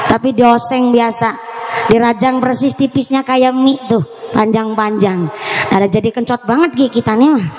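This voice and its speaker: A woman preaches in a chatty, playful storytelling style, her voice sitting high. She speaks through a handheld PA microphone at an outdoor gathering. The sound rings with a long, roomy reverb. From Cilacap, Central Java, Indonesia. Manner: chatty and playful, slipping into Javanese phrases. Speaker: female Islamic preacher. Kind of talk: humorous storytelling sermon. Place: outdoor religious gathering in the heat.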